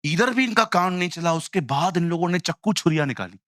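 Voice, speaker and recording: A man preaching a lively sermon in Hindi mixed with English phrases, telling stories and acting out the voices in them. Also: sits high, fast talker, no room sound, studio quality. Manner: animated storytelling, acts out quoted voices, jokey asides.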